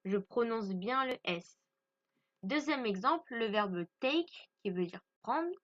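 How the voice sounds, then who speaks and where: Slow, patient French woman teaching English. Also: fairly high pitch, expressive, fairly bright tone, dull audio. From France. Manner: slow, patient, repeats and stresses pronunciation. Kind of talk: explaining English grammar to French speakers.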